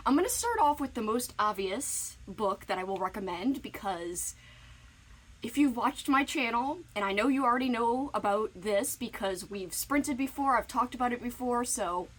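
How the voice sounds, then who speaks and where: A woman's voice: fairly high pitch, low-quality recording. A woman booktuber giving playful, giggly book recommendations in a casual recorded message.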